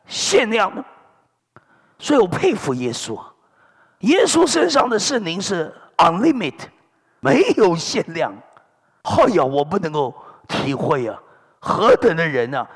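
A man's voice: sits high, husky. A middle-aged male pastor preaching a sermon, telling stories with lots of energy and dropping in hallelujahs and amens. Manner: animated storytelling preacher, sprinkling hallelujahs and amens. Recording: long hall reverb.

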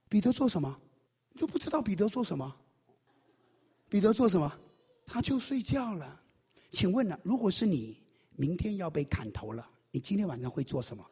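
A man's voice: sits high, husky. A man preaching a sermon, telling a story with animation and firing questions at his congregation. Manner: quizzes the congregation with rapid questions. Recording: long hall reverb.

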